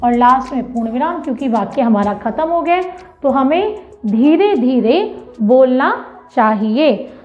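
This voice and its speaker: A woman teaching a grammar lesson to children, explaining slowly and patiently, repeating key words and asking the class questions. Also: high voice, expressive, highs cut off, faint music behind.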